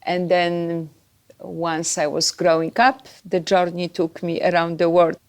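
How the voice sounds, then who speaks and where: A woman from Poland with a Polish accent, a podcast guest chatting about her life and career with pauses and fillers. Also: on the low side, fairly even intonation. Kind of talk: podcast interview.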